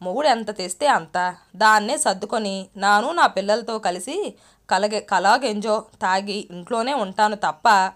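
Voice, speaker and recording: A woman's voice: mid-range voice, a little slow, fairly bright tone, close to an everyday voice. A woman reading the part of a firm, resolute village wife and mother. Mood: defiant.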